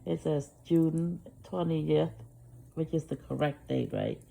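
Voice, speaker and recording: A woman who has just woken up, talking through a rambling, hesitant morning vlog from her living room couch, with lots of fillers and soft chuckles. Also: deep voice, fairly even intonation, slow, creaky, low-quality recording. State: groggy, just woke up. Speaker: vlogger.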